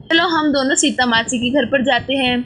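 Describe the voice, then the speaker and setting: A caring young village mother, voiced by a woman in a doll story. She chatters in a coaxing, motherly way. Her voice is high and bright. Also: moderate pace, slight background noise.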